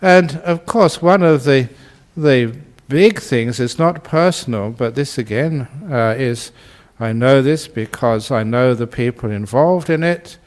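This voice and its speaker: A man who is a Buddhist monk, giving a dharma talk and telling anecdotes in an unhurried way with gentle humour. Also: mid-range voice.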